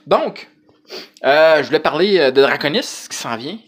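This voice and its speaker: A man's voice: a little high, animated, moderate pace, husky. A man with a Quebec French accent chatting casually to camera as a vlogger, hesitant and rambling, in colloquial slang.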